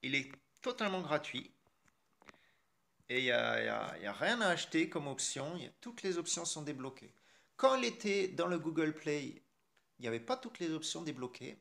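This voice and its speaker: A French-accented man hosts a casual screen-recorded phone tutorial in a slightly high, fairly bright voice with vocal fry. As a tech tutorial host he's chatty and irreverent, swearing mildly now and then.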